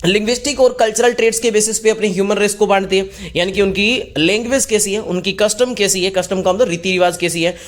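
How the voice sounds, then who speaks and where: A man's voice: sits high, fairly even intonation, fast talker, hardly any pauses. A male teacher giving a casual exam-prep lecture, asking and answering his own questions as he goes. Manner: mixes English terms into Hindi speech.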